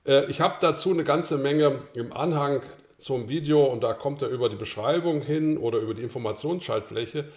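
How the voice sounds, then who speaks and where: At his desk, an older German-speaking man, working as a course instructor, talks through a screencast tutorial in a calm, explanatory way with occasional filler sounds. His mid-range voice moves at a normal speed, and the small room around his webcam adds a noticeable echo.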